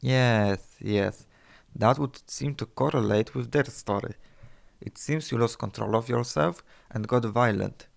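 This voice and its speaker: An actor playing a wiry, gray-haired older ship's doctor with a heavy Polish accent, clinical and reassuring. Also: male voice, mid-range voice, unhurried, creaky.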